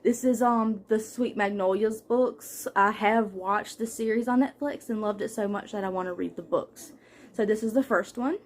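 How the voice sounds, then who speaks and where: A woman's voice: medium pitch, normal speed. A young adult woman chatting casually as a book vlogger at home, listing titles from her shelves with fillers and small laughs. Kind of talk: casual book haul chat. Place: home room with bookshelves.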